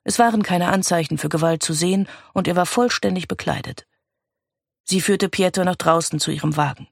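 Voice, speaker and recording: A narrator reads a crime novel aloud in an even, measured way, the voice carrying a gravelly, creaky texture. The sound is close and dry with no room around it. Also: mid-range voice, dry recording. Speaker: audiobook narrator.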